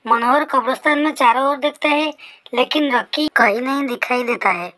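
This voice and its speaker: A woman narrating a Hindi horror story in a steady, suspenseful way. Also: high voice, moderate pace, poor audio.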